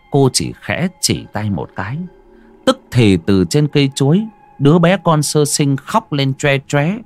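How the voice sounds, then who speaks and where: A man narrating a ghost story theatrically, dropping to a hush and rising sharply. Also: mid-range voice. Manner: theatrical, swings from hushed to loud.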